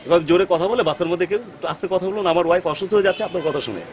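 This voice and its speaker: A man playing a bus passenger who complains that a loud caller is upsetting his sick wife. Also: high-pitched, slight background noise, close to an everyday voice. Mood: complaining. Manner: complaining, rushed. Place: on a city bus.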